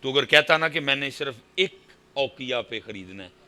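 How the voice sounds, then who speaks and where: A Pakistani man with a Punjabi accent preaching a sermon at a religious gathering, moving from quiet talk to high shouted exhortation. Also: lively intonation, moderate pace. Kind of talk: impassioned sermon.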